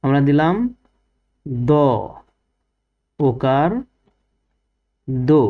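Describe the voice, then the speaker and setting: Male teacher for small kids, unhurried and patient, lo-fi sound. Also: fairly high pitch, steady tone, clean tone. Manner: patient, asks questions then answers them himself. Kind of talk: first-grade Bengali reading lesson.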